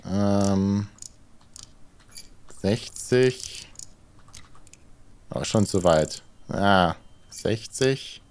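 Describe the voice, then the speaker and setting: A man's voice: fairly low pitch, drawn-out words, long pauses, darkish tone, clean tone. A man doing casual let's play commentary, thinking aloud hesitantly as he plays. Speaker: let's player, horror game streamer.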